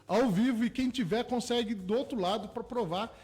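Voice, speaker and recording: High-voiced man, eager radio guest. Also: normal speed, a little mellow. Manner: eager, explains with everyday examples. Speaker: hypnotherapist guest. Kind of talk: radio interview. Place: radio studio.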